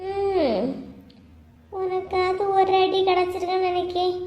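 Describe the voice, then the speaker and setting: A woman's voice: high voice, a little slow, reverberant, muffled recording, slight background noise. A woman voicing a caring, fiery older woman friend in a cartoon, speaking with a Kanyakumari Tamil accent. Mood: indignant. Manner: soothing, then indignant. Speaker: cartoon character. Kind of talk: cartoon voice acting.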